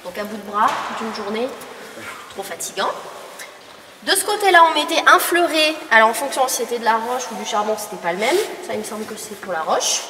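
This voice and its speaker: A tired museum tour guide with a cold leads a group through an indoor mining museum hall, explaining exhibits and quizzing visitors with questions. Her voice is a little high, expressive, a little fast and sharp in tone. A far camera captures her from a distance in a noisy, echoey hall.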